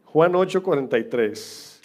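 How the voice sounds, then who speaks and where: A man's voice: fairly high pitch, animated, measured pace. A middle-aged man preaching as pastor, chatting with his congregation with humor and questions. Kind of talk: sermon. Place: church.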